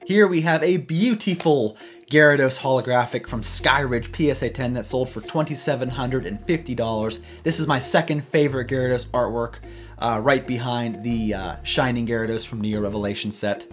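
A man's voice: medium pitch, moderate pace, faint music behind. A man in his thirties with an American accent, hosting a casual, upbeat rundown of collectible card sales from a small room at his desk. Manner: upbeat, loose, conversational. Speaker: host.

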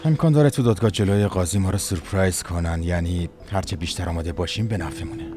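A man dubbing a calm, polite lawyer briefing his employer on a court case. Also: deep voice, music in the background, natural voice. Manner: measured, polite. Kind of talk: Persian dub of a TV series.

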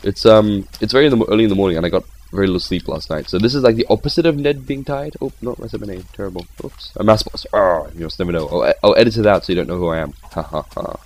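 Young male gameplay host, deep voice, rambling and excitable. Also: racing, few pauses, a little hiss or hum. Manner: chatty and rambling, with excitable outbursts. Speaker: gaming channel host. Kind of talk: casual gameplay commentary.

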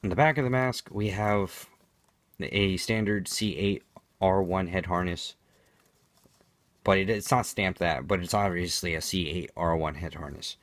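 A man with a low voice talks through a product demonstration in a matter-of-fact, explanatory way. The sound is dry and close, with little room to it. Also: measured pace, fairly bright tone, dry recording. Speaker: product reviewer. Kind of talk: unscripted product demonstration commentary.

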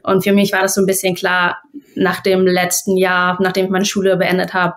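Flat-voiced young woman from Germany. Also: fairly low pitch, a little fast. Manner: plain, matter-of-fact, light fillers. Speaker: guest athlete. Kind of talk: casual interview answers.

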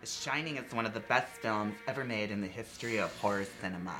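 A young man co-hosting a casual horror film chat in a campy, gushing, animated way. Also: on the low side, quick pace, rough recording. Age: young adult. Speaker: co-host. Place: indoor horror-themed studio set. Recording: music behind the voice.

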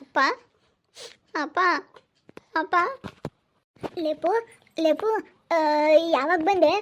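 A woman's voice: sits high, drawn-out words, dull audio, a little hiss or hum. A woman playing a gossiping village mother. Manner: gossiping, lecturing. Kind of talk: village family drama acting.

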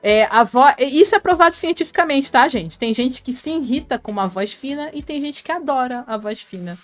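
High, expressive, and a little fast, this woman's voice carries a Brazilian Portuguese accent as she runs a casual live stream on a headphone mic. She reads viewer comments out loud, chats with fans by name, and laughs a lot, with faint music in the background.

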